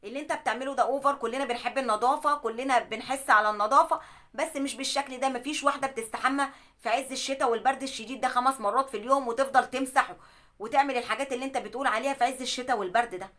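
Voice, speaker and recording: A woman with an Egyptian accent voicing a worried middle-aged mother who gently coaxes and pleads with her daughter. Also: high-pitched, racing. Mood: pleading. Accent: Egyptian Arabic.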